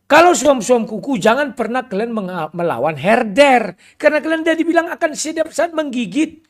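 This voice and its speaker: A man's voice: very high voice, lively intonation, fairly quick. A man hosting a podcast, bluntly and scornfully commenting on a clip and talking to listeners as friends. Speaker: podcast host.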